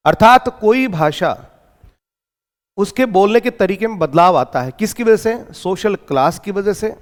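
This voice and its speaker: Man, Indian accent, lecture, asks and answers his own questions, high voice. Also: expressive, a little slow, big-room sound. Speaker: exam-prep English teacher. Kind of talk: lecture in Hindi mixed with English terms.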